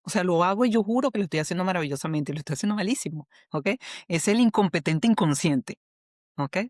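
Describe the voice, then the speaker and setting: This HR specialist and coach has a Venezuelan Spanish accent and explains a model on a podcast with teacherly patience, frequently making sure the listener is keeping up. She talks fast and animatedly in a fairly low, slightly mellow voice; the studio recording has no echo.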